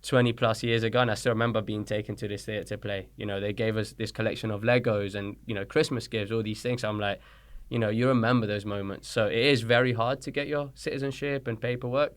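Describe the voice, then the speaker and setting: A soccer coach in his thirties, born in Colombia and raised in London with a British accent, chats casually as an interview guest. His lowish, resonant voice is clear and fast, and he tells stories with animation, acting out quoted dialogue.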